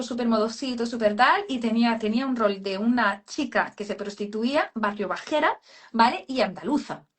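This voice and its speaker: A woman speech therapist explaining voice work in a casual live chat, calling people "cariño". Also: a little high. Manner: explanatory, addresses listener as cariño.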